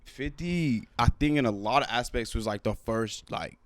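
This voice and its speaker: A laid-back rapper in his twenties, born in South Africa and raised in London, chats casually as an interview guest. His mid-range voice moves at a moderate pace and is full of fillers like "like" and "you know what I'm saying."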